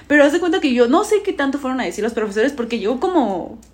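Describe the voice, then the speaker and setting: A young woman, telling a school story in animated casual chat, often laughing and mimicking voices. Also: high-pitched, quick pace.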